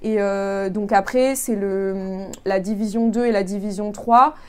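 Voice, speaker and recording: A woman's voice: medium pitch, fairly even intonation, measured pace, clean tone. A young woman being interviewed as an amateur triathlete, explaining things in a patient, conversational way with frequent hesitations and fillers.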